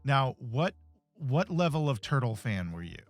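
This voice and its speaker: A man in his thirties co-hosts a casual review podcast, his voice sitting at an ordinary middle pitch. He talks in an animated way, stumbling and repeating himself when he gets excited, with faint music underneath. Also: a little slow. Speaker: podcast co-host.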